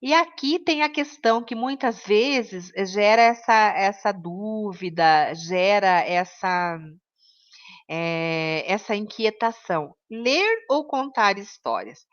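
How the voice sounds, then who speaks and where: Woman giving an online lecture, explains slowly with lots of "right?" fillers, kinda dull lo-fi sound. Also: mid-range voice, animated. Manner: many fillers and tag questions, explanatory. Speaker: teacher of children's literature.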